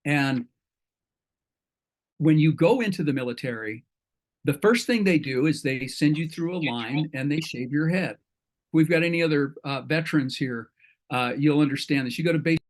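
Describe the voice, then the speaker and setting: A man's voice: a little high, moderate pace. A middle-aged man hosting an online entrepreneur meetup in a folksy, rambling way, often correcting himself. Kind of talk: casual talk to an online group.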